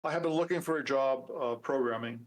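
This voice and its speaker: A man in his seventies, a programmer guest in a casual interview, talking in a relaxed way with dry humor and many fillers. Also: medium pitch, brisk, poor audio. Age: 70s.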